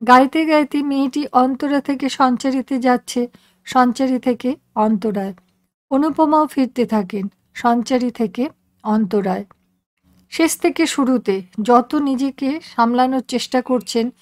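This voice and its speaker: A woman reading a literary story aloud in a measured, reflective and expressive way. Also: high-pitched, dry recording. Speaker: story reader.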